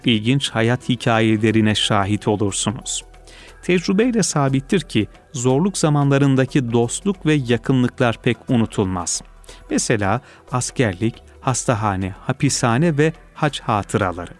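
A man reading a personal essay aloud in a calm, measured, reflective way. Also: medium pitch. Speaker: reader. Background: faint music.

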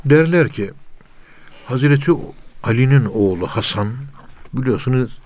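A man's voice: medium pitch, lively intonation, a little slow, darkish tone. Earnest man giving a spiritual talk. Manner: earnest, repetitive exhortation with rhetorical questions. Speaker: religious teacher.

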